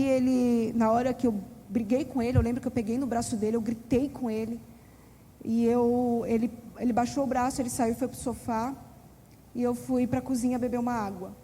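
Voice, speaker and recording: A woman's voice: on the high side, dark tone, a little hiss or hum. A woman with a Brazilian Portuguese accent giving an earnest, confessional talk to parents at a church conference, calling the listeners brothers and sisters. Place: church hall. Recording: long reverb of a large hall.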